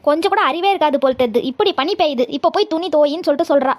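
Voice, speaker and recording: Woman playing a sharp-tongued young daughter-in-law. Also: high-pitched, rapid-fire, no room sound, close to an everyday voice. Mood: grumbling. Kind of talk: comedy skit acting.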